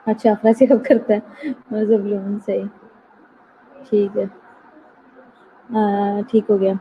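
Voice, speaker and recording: A woman teaching a nursing class online, explaining terms patiently and slowing down to read out English definitions. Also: medium pitch, flat delivery. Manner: explanatory, mixes English terms, reads slowly from notes. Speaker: nursing lecturer. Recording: tinny phone-like line, faint noise.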